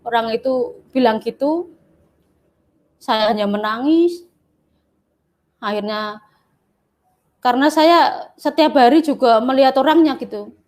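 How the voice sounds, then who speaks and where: A woman with a high voice gives a personal testimony in an interview. She speaks earnestly, repeats her phrases and keeps turning to the interviewer as she talks. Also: unhurried, long pauses, a little mellow. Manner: earnest, repetitive phrasing, often addresses the interviewer. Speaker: interview guest telling her life story.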